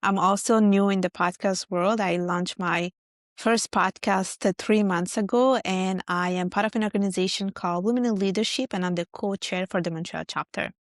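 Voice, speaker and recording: A woman in her thirties from Italy is a guest on a podcast, chatting easily about her life in a friendly, talkative way and listing things out. Her mid-range voice moves at normal speed with fairly even intonation, in a clean, dry studio recording.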